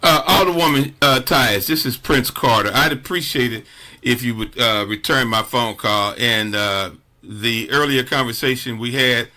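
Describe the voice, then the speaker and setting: A man's voice: medium pitch, normal speed, pushed and bright. A man hosting a radio talk show, venting indignantly and stammering through many restarts.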